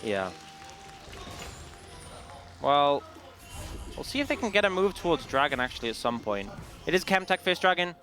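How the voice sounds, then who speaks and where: A young British man calls a live esports match with a lifted, lively voice that climbs and dips freely. He jokes and laughs between plays, and faint game music hums behind him. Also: fairly high pitch, moderate pace, pauses often. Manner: playful banter, laughs often. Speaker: esports caster. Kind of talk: live play-by-play commentary.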